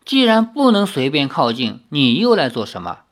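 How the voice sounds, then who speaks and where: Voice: mid-range voice, moderate pace. A narrator doing a teasing young chief's daughter. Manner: calm, mocking, confident. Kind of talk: audiobook character voice.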